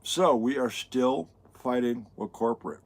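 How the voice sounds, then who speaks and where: A man with a medium-pitched, unhurried voice co-hosts a travel vlog in casual chat. He tells stories with animation, speaking bluntly and swearing freely.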